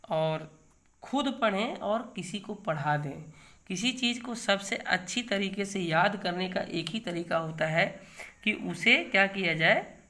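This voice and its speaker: A man's voice: high voice, bright, forceful tone. Middle-aged guy teaching grammar online, patient, keeps asking "what happens?" and answering it himself, checking in a lot. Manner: explains patiently, asking himself rhetorical questions and checking with "theek hai". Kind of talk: online video lesson.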